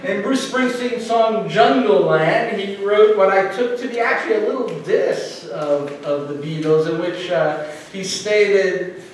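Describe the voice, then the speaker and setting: A middle-aged man giving a sermon as minister, earnest and conversational, with slow emphatic pauses. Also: high voice, a little hiss or hum. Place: church sanctuary. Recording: echoey church hall mic from a distance.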